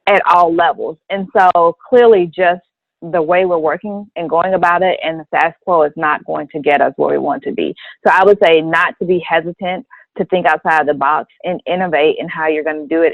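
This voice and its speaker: A woman giving her views as a panel guest in a deliberate, articulate way. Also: fairly low pitch, no echo. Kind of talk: conversational panel discussion, measured opinion. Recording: narrow, phone-like radio sound, dry.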